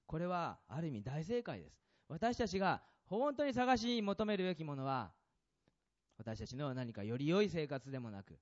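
A man preaching a sermon as a pastor, asking the congregation questions and swinging between loud and soft passages. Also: on the high side, sing-song, normal speed, lo-fi sound.

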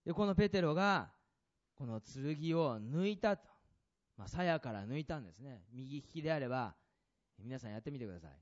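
A man preaching a sermon as a pastor, asking the congregation questions and swinging between loud and soft passages. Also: medium pitch, lively intonation, brisk, dull audio.

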